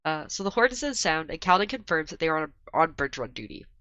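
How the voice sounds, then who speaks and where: A woman's voice: low-pitched, animated, quick pace, sharp tone, dry recording, muffled recording. A woman hosting a casual book podcast while sick, her voice strained, recapping chapters and chatting with her co-hosts. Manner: reads the recap steadily, with frequent laughs in the banter. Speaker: podcast host.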